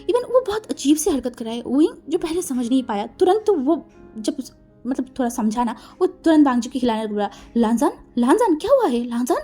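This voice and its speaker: A woman narrating fan fiction in an expressive, dramatic storytelling manner. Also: sits high, a little fast, soft background music.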